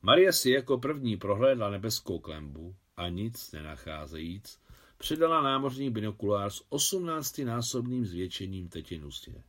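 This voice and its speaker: A man, the translator of a novel, giving a measured, even reading of it aloud. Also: lowish voice. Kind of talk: literary audiobook reading.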